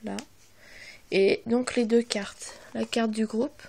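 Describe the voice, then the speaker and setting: A woman's voice: a little high, fairly even intonation, takes it slowly, vocal fry, a little mellow. A young woman narrating a casual unboxing, hesitant and apologetic, with many fillers, often dropping to a half-whisper, recorded on her phone. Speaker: vlogger.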